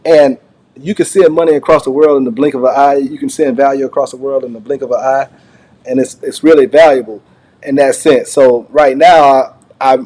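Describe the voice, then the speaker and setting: A man's voice: mid-range voice, warm tone. A man hosting his own channel, giving casual unscripted commentary in a rambling, conversational way that circles back over his phrases. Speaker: online channel host reacting to a recorded call.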